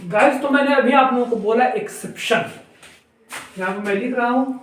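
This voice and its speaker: A man teaching an English grammar lesson at a whiteboard, his voice fairly high. He spells each word out letter by letter before explaining it at an unhurried pace. He sounds a little distant from the camera, and the bare room adds heavy echo. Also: fairly bright tone, a little hiss or hum. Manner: spells words out letter by letter, then explains slowly. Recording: very echoey room, voice off-mic.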